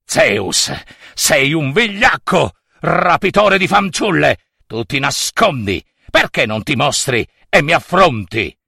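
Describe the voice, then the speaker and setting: Raging old river god father, loud and accusing, as a storyteller puts him on. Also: medium pitch, lively intonation, unhurried, vocal fry, breathy edge, no echo, studio quality, heavily acted. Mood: contemptuous. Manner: bellowing, accusing.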